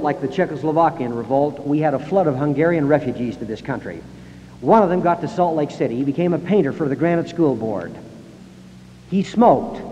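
A man delivers an emphatic public speech in a high school hall and acts out the voices he quotes. His voice sits somewhat high for a man. The long reverb of the hall and the dull sound of 1960s analog tape surround him. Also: a little mellow, a little hiss or hum. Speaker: speaker.

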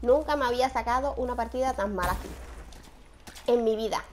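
A young woman giving excitable gameplay commentary, shouting and shushing as she plays. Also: on the high side, brisk, slight background noise. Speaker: gaming channel host.

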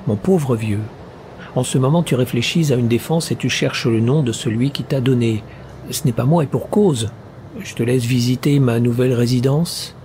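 A desperate, ruined middle-aged man, voiced by a male narrator in an audiobook. He presses his old friend with urgent, remorseful insistence. The voice is mellow and warm. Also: mid-range voice, normal speed, a little hiss or hum, natural voice. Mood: insistent.

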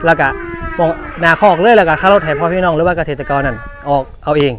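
Man, Isan Thai accent, high voice, rapid live sales pitch, livestock seller, polite, repetitive. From northeastern Thailand. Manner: polite, repetitive, ends phrases with polite particles.

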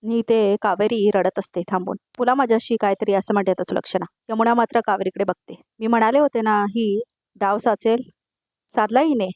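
A woman races through a voice-over recap of a TV serial, tagging every quoted line as she goes and speaking straight to her viewers. Her voice sits at a middling pitch and is recorded close and dry, with no room sound around it. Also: fairly quick, darkish tone, no echo. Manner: retells scenes line by line, tagging each quote; addresses viewers directly with asides.

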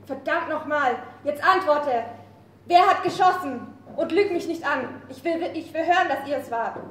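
A woman's voice: sits high, moderate pace, a bit bright. A woman reading the part of a defiant young female rebel fighter in a staged play reading, speaking in an impassioned, accusing way. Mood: interrogating. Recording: roomy live café recording.

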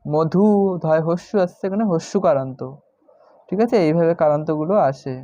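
A man teaching a lesson, explaining word by word and repeating each term slowly. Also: fairly high pitch, mellow, dry recording. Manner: slow, repeats each word several times. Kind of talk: step-by-step classroom explanation. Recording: dull lo-fi sound.

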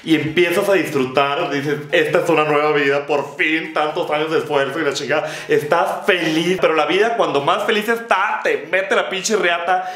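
Profane young Mexican comedy ranter. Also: male voice, on the high side, fairly bright tone. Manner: profane, exaggerated, lots of swearing. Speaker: comedy vlogger. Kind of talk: comedic rant. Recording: roomy room echo.

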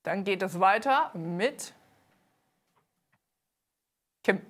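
Speaking into a lapel mic on a TV studio set, this thirties-aged host and dance team leader comes across as earnest. Her medium-pitched voice is animated, though she hesitates often and uses many fillers.

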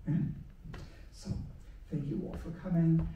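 A man with a slightly high voice moderates an art panel on a museum stage, speaking a little slowly and casually into a handheld mic with plenty of ums and uhs. Picked up by a far camera in an echoey hall, the audio is distant, dull and carries a little hiss or hum.

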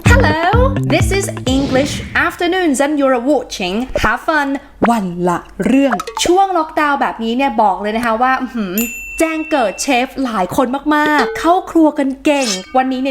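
A woman hosting a casual English vocabulary lesson, chatty and switching between Thai and English words as she explains. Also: sits high. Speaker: English teacher and host. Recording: noisy recording with background noise.

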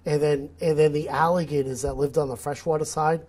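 Sitting on a studio set with a lapel mic, a New England-accented nature photographer in his forties gestures a lot as he eagerly explains things in casual interview talk, restarting often. His voice is a little high, steady, a little fast, and slightly mellow, with slightly rough sound.

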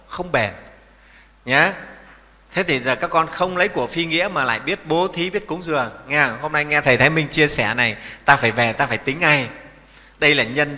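A man's voice: a little high, pushed and bright, in a large hall. A middle-aged man, a Buddhist monk giving a sermon in a folksy manner, often asking his listeners questions.

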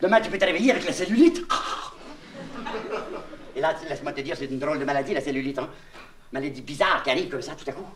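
A man's voice: a little high, animated, fast, pauses often, close to an everyday voice. A man with a Québécois accent playing a naive, childlike vagabond clown who rambles and mangles words in a comic monologue. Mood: rambling, confiding. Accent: Québécois French. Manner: mangled words and puns, confiding to the listener. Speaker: comedian. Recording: echoey, distant, noisy old LP recording.

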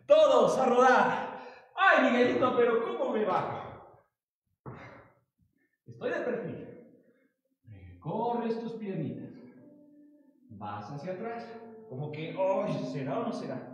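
A Mexican man with a strikingly high voice leads an exercise class, calling out counts and moves at an unhurried pace. He sounds playful and coaxing, heard from a distance in a big hall with long, booming reverb. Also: big pitch swings, fairly bright tone. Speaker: fitness instructor. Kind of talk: live online exercise class. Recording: echoey hall from far off.

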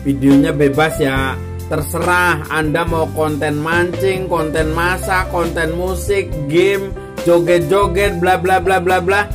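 A fairly high-voiced man chats loosely in a casual vlog, joking and repeating himself as he calls out to bro, guys, ma'am and sir. Clear music plays behind his voice throughout. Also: fairly even intonation, slow pace. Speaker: YouTuber giving tips to beginners.

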